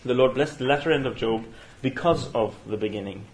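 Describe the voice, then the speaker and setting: This rough recording, made with a single room mic in a university room, has a Norwegian man teaching a seminar study session in a mid-range voice. He speaks haltingly, restarting often and leaning on fillers. Slight background noise is audible.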